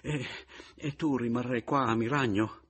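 A man voicing a frantic, jealous husband who stammers in a shrill, agitated voice in a radio reading of a novel. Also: steady tone, a little slow, fairly bright tone, a little hiss or hum, close to an everyday voice. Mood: anxious.

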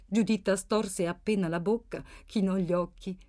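A woman narrating a novel in a measured, expressive reading style. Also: mid-range voice. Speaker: audiobook narrator. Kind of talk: literary narration.

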